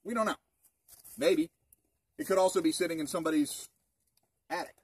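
Speaking at a moderate pace in a husky voice on the high side, a male park ranger in his thirties leads an informal outdoor history talk. He keeps it conversational, tossing out rhetorical questions to the group in open woods. A distant outdoor mic on a camera a few metres away picks him up.

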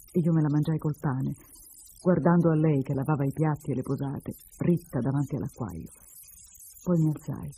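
A man reading a short story aloud in a measured and expressive first-person narration. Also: fairly high pitch, breathy edge, poor audio. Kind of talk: literary reading.

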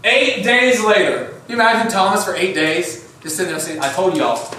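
A male pastor preaching a sermon. He talks in an animated way, acting out Bible figures in casual voices, and drops to soft, low tones when he tells his own story. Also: fairly quick, a little hiss or hum. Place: church sanctuary. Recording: very echoey hall, distant mic.

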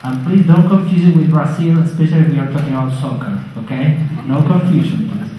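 A man's voice: fairly high pitch, a little fast, slight background noise. A man in his forties from Argentina with an Argentine Spanish accent, giving a friendly talk with a handheld mic in a large lecture hall. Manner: friendly, joking with the audience. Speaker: guest speaker. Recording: very echoey hall, dull sound.

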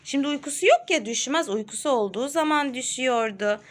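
A woman's voice: sits high, expressive, brisk. A woman, a mother, narrating doll play for children in a chatty, sing-song way and talking to the viewers. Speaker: mother hosting a kids' toy channel.

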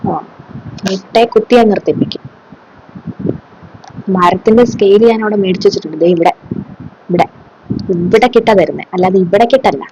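In a solo comedy sketch, a woman with a warm, natural, medium-pitched voice plays a stern, middle-aged schoolteacher who lectures and sarcastically scolds her class. She speaks at a normal speed with frequent pauses, and the audio is poor, with a slight hiss or hum.

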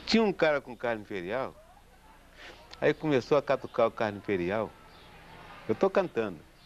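A man's voice: medium pitch, normal speed, slight background noise. A man with a Brazilian Portuguese accent, a samba composer, telling a story casually and acting out the people in it. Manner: animated, acts out the people in his story. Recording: dull lo-fi recording with faint guitar.

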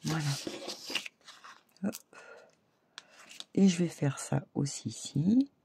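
A woman's voice: low voice, animated, slow, gravelly, background noise. A woman hosting a casual crafting tutorial, chatting and narrating her steps as she works. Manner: chatty, talks while working, many fillers. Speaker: crafting video host.

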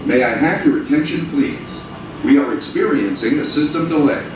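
A man making formal, polite transit announcements over the intercom inside a light rail car. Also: moderate pace. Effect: over the intercom on a train. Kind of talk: recorded public announcement. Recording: echoey distant train loudspeaker with rumble. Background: train noise and air conditioning.

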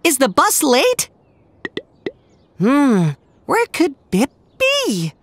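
Dr. Panda, a friendly panda teacher. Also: male voice, very high voice, wildly swooping pitch, very slow, no room sound, full character voice. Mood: cheerful. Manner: clear, coaxing, asks viewers questions. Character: kindly panda doctor teacher, patient and upbeat. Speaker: narrator and teacher to viewers. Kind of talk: children's cartoon narration. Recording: voice over loud background music.

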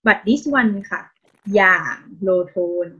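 Speaking very slowly in a lowish voice that is pushed and bright with a breathy edge, a woman with a Thai accent gives a Thai lesson via video call in Thai and English. She stays patient and encouraging, full of praise and polite particles, on a lo-fi recording.

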